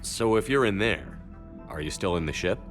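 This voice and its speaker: A man as Commander Shepard, low-voiced and steady. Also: over music, lightly acted. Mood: firm, questioning. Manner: direct, measured, commanding. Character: steady, authoritative male military starship commander. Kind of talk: video game voice acting.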